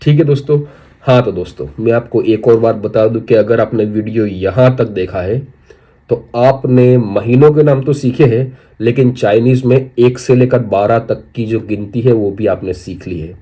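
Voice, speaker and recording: A young man teaching Chinese vocabulary, repeating each word slowly several times and drawing out the syllables, checking in with viewers as friends. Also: mid-range voice, warm tone. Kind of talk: slow spoken language lesson.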